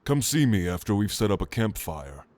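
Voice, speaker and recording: In this ASMR roleplay, the speaker is a man with a fairly low pitch, voicing an orc shaman who is a calm scholar and kindly mentor. He talks in a measured, formal, soothing style, coming across as earnest and helpful.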